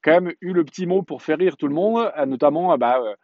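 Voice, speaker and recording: A man in his thirties or forties telling a personal story in a casual podcast monologue, halting often on fillers and restarts. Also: on the high side, animated, no echo, narrow, tinny audio. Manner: hesitant, chatty storytelling with many fillers and restarts.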